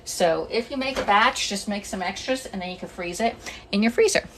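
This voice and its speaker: A woman's voice: mid-range voice, a little fast, a little hiss or hum. A woman hosting a casual live cooking stream from her home kitchen, chatting and greeting viewers by name, a little out of breath. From Northeast Pennsylvania. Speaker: home cooking livestream host. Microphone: phone camera.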